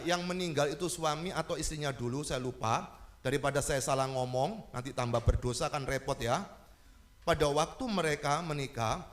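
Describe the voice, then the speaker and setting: A male pastor preaching a Sunday sermon, firing rhetorical questions at the congregation and answering them himself. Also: fairly high pitch.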